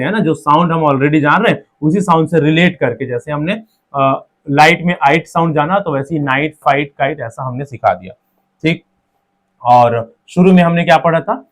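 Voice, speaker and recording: A man giving an exam-prep lecture, explaining step by step and slowly breaking words into their sounds, often checking in with "theek hai". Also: on the high side. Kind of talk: classroom-style lecture.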